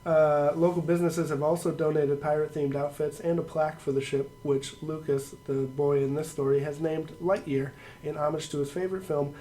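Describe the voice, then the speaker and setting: A man's voice: on the high side, flat delivery, a little fast, mellow, slight background noise. A man co-hosting a podcast in casual chat, laid-back and swearing freely. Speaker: podcast co-host.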